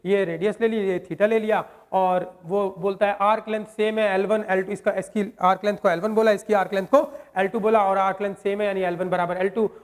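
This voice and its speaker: A man teaches a maths lesson in a fairly high voice. He keeps asking his students rhetorical questions. He reads the English question text slowly, word by word. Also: fairly even intonation.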